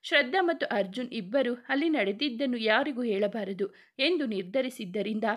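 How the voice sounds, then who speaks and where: A woman tells a dramatic story in a fairly high voice. She reads it as a steady, scripted narration. She gives the characters' lines only small changes in her own voice. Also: moderate pace.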